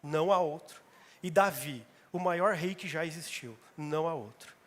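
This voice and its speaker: High-voiced preacher man in a hall. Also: normal speed. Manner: emphatic, repeats phrases for stress. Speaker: pastor. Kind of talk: sermon.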